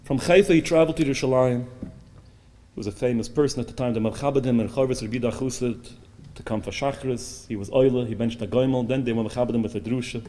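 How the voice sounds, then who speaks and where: A man's voice: mid-range voice, fast talker, warm tone. A man, a rabbi giving a sermon that tells a story dramatically and builds to impassioned preaching. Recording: long hall reverb.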